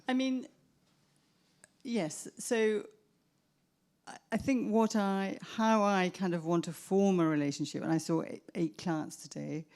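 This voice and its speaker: A woman psychotherapist answering an audience question, reflective and measured, often restarting her sentences. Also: mid-range voice, a little mellow. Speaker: psychotherapist speaker. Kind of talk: Q&A answer at a professional event.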